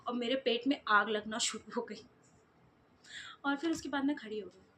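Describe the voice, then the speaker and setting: A woman's voice: a little high, normal speed, a bit bright, slight background noise. A young woman vlogger chatting casually to her viewers, telling stories in a giggly, talkative way.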